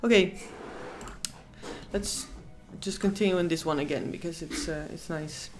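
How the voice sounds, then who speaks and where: In an unhurried, low voice with background noise around her, a young Dutch woman from the Netherlands co-hosts a live casino stream. With her Dutch accent she chats with viewers and comments on the game, reading chat aloud and squealing at every win.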